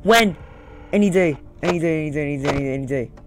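A young man with a slightly high voice talks fast while playing, giving casual commentary and repeating short phrases to himself for his gaming video. He is indoors in a small room at home, and game music can be heard behind him.

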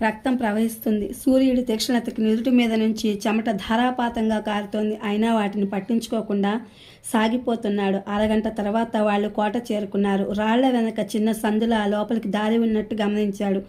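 Brief: female audiobook narrator, mellow and fairly high, steady novel reading. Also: a little fast. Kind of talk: novel read-aloud narration.

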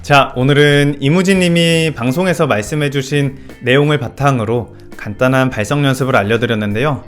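A man working as a vocal coach, giving a methodical vocal technique lesson and explaining technical terms clearly. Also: mid-range voice, fairly quick, few pauses, soft background music.

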